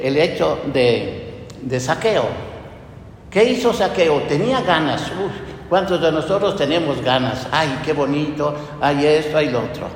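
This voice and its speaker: Man, preacher, sermon, slow, animated pitch, echoey church hall, faint background noise. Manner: lively, conversational preaching with frequent tag questions. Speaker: priest.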